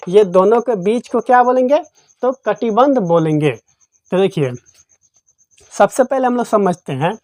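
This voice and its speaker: A woman with a slightly high voice teaches geography in a dry voice-over for an exam-prep lesson. Her style is repetitive and quiz-like, posing questions and answering them herself.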